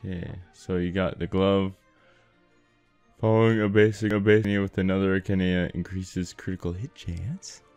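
Man, very deep voice, dry close sound, casual game commentator who reads menus aloud haltingly. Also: level tone, a little mellow, clean tone, no room sound, faint music behind. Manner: reads item text aloud, stumbling over words. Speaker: gameplay co-host. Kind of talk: casual let's-play commentary.

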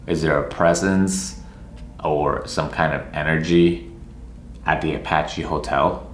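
A man's voice: very deep voice, steady tone, takes it slowly, slight background noise. A young man vlogging casually from a hotel room and its hallways, chatty and half-joking with a nervous edge, filmed on a camera held at arm's length. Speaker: travel vlogger. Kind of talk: casual vlog narration. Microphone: handheld camera held at arm's length. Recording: echoey room with faint ambience.

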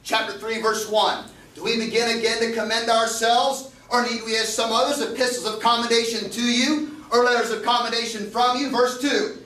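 Man preaching at a pulpit microphone, very high voice, bright and forceful, quoting scripture and shouting, roomy church sound from a distant mic. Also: fairly even intonation, normal speed, hardly any pauses. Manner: quoting scripture in King James wording, rising into shouts. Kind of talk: fiery revival sermon.

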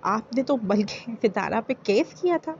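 A woman's voice: fairly high pitch, animated, unhurried, darkish tone, lo-fi sound, a little hiss or hum. A woman giving heated, opinionated commentary as a reaction channel YouTuber, full of rhetorical questions and pleas. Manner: impassioned, rhetorical, pleading.

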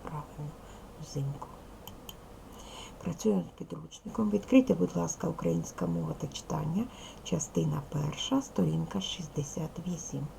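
Gravelly-voiced woman teaching young children. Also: sits low, big pitch swings, normal speed, warm tone, a little hiss or hum, poor audio. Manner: patient, addresses children with questions and praise; reads a poem aloud expressively. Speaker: primary school teacher. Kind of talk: recorded video lesson for children.

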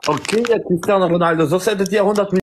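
Very high young male voice, noisy stream. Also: steady tone, quick pace. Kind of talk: casual livestream chat.

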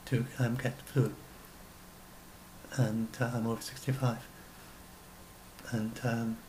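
Slow and level, with a medium-pitched, darkish voice, this science blogger in his sixties works through his notes solo in a small home room. His talk wanders and corrects itself, caught on his desk webcam. The rough recording carries slight background noise.

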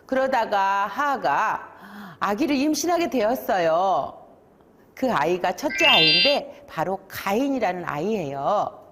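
A woman pastor telling a Bible story to young children, animated and asking them questions. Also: mid-range voice, in a large hall.

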